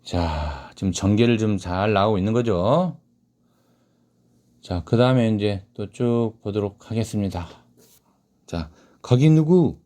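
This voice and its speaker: A man's voice: lowish voice, unhurried, long pauses, a little mellow. A man teaching a literature lesson, who asks the class questions and then answers them himself. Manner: reads quoted lines aloud in a raised voice. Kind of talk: classroom lecture on a short story.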